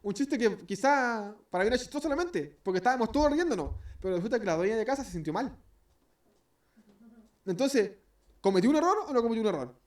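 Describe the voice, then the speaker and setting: A man's voice: high-pitched, lively intonation, fast talker, a little mellow. Chilean man teaching, a bit off-mic. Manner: chatty, self-correcting, acts out everyday scenes, laughs at himself. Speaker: Bible study teacher. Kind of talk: informal Bible study teaching. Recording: voice distant from the mic.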